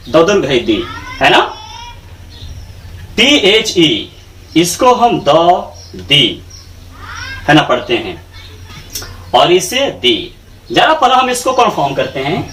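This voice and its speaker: A man giving a grammar lesson, his pitch high and swinging widely as he drills each rule. He repeats every point twice over and keeps checking that listeners follow. The sound is roomy and echoing, with the mic set back from him. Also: a bit bright, a little hiss or hum. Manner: repeats each point in English and Hindi terms, asks rhetorical checks. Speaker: English grammar teacher. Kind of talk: classroom lecture. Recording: echoey room, mic far off.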